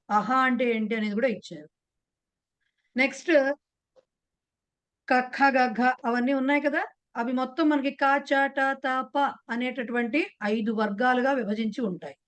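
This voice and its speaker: A woman with a Telugu accent teaching a beginners' class, explaining patiently and putting questions to her students. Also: a little high. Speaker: Sanskrit teacher. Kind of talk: online class lecture.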